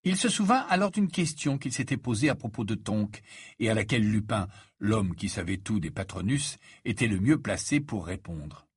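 A man reading a storybook aloud as narrator, with lively storytelling. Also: lowish voice, normal speed, husky, dry recording, clean studio sound. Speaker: audiobook reader. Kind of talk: scripted narration.

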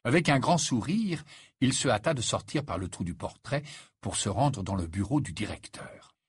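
Husky, expressive male storyteller. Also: mid-range voice, normal speed, no room sound, clean studio sound. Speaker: narrator. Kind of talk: audiobook narration.

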